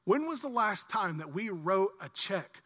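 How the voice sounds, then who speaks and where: A male pastor preaching a sermon, animated, swinging from loud emphasis to quiet low asides. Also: unhurried, long reverb tail.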